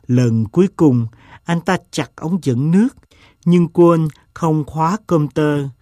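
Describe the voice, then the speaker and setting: A man reading a story aloud, voicing an eccentric, self-mocking gentleman who tells a long tale in a slow, deliberate way. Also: medium pitch, no echo, studio quality, natural voice.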